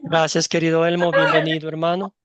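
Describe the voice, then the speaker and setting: A man's voice: on the high side, monotone, a little fast, dry recording, dull audio. A man moderating an online Bible class, welcoming each student by name and calling on them in turn. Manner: gently guides students, calls on each in turn.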